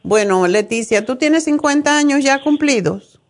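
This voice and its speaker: A woman's voice: high-pitched, expressive, normal speed. A middle-aged woman giving conversational, opinionated health advice as a radio host, direct and familiar with her callers.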